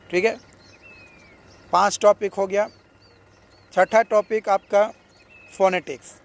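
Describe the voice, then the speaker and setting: High-voiced male exam coach. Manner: repeats key points, coaxing "yaar" and "theek hai". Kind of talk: casual exam advice lesson.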